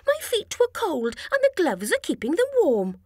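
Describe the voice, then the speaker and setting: Woman playing a chirpy cartoon girl, very high, sing-song, slightly breathy. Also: huge pitch swings, normal speed, a little mellow, no room sound, clean studio sound. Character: cheerful, easygoing young girl cartoon character.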